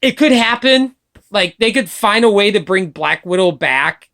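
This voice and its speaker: A woman vlogging casual opinion chat, excitable and gushing, swearing casually, filmed on a webcam or phone. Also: mid-range voice, unhurried.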